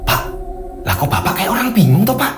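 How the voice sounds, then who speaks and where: A man's voice: high-pitched, huge pitch swings, fairly quick, echoey room, noisy background, voice pushed up. A man voicing a healer's middle-aged wife, scolding and questioning her husband. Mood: nagging.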